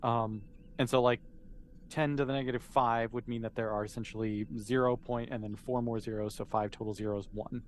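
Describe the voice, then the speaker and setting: A man acts as game master for a tabletop game, explaining things patiently in a conversational, improvised style. His mid-range voice is level and brisk, heard over a clearly noisy background.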